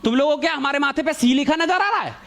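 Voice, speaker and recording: A man's voice: very high-pitched, quick pace, vocal fry, crowd noise, pitched above the performer's own voice. Casting: irritated school sports teacher, scolding, voiced by a man. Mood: angry. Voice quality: angry, mocking. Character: angry male PT teacher. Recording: noisy recording with clicks.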